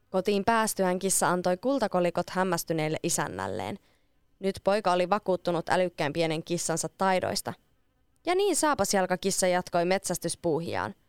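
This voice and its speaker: Woman narrator for a fairy tale, lively and expressive, low-ish smooth voice, dry close sound. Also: no room sound. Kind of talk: storybook reading.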